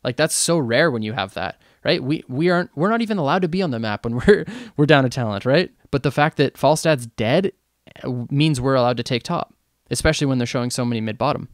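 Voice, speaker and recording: A man coaching a game team over voice chat, breaking down a replay in a casual, animated way and quizzing the players. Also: mid-range voice, a little fast, few pauses, no echo, clean studio sound. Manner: animated, asks the team questions, many fillers. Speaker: esports coach reviewing replays.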